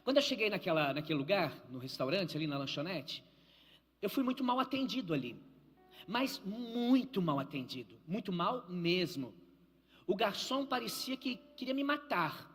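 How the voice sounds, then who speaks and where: Husky-voiced Brazilian pastor preaching. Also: male voice, sits high, big pitch swings, normal speed, a bit bright, soft background music. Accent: Brazilian Portuguese. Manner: emphatic, humorous, repeats for emphasis. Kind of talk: live sermon with storytelling. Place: church. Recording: long church hall reverb.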